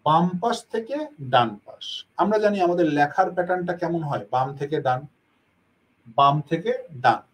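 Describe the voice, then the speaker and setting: A man's voice: on the high side, expressive, normal speed, rough recording. A man teaching a math lesson, explaining step by step and answering his own questions.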